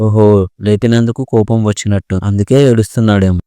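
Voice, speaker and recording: A man plays a calm doctor in a short film, reassuring a worried parent. He talks fast in a mellow, dry voice, sounding a little off-mic. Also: fairly low pitch, clean tone, no room sound, close to an everyday voice. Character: calm middle-aged male doctor.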